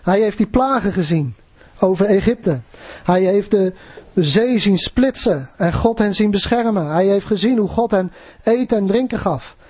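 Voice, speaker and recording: A man delivers a sermon in a husky, fairly high voice. He speaks earnestly and conversationally and keeps turning questions back to his listeners. The sound is close and dry, with no room around it. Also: a little mellow, no room sound. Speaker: preacher.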